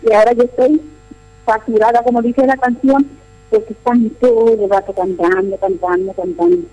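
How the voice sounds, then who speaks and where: A middle-aged Paraguayan nun, a missionary at a boarding school, answers interview questions in a chatty, explanatory manner and often repeats her phrases. Her voice is slightly high and warm, with a moderate pace, though the audio quality is poor.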